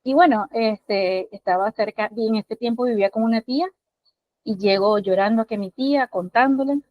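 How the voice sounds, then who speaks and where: A woman's voice: fairly high pitch, normal speed, no echo. Earnest Venezuelan woman, muffled dry audio. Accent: Venezuelan (Maracaibo). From Maracaibo, Venezuela. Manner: earnest, hesitant with many restarts and fillers. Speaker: student sharing in class. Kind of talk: emotional personal testimony.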